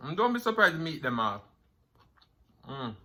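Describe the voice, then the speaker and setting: A man's voice: a little high, very animated, moderate pace, bright, forceful tone. A man with a Jamaican accent chatting casually as a mukbang host, eating crunchy fried chicken between savoring mms. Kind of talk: casual eating-show chat.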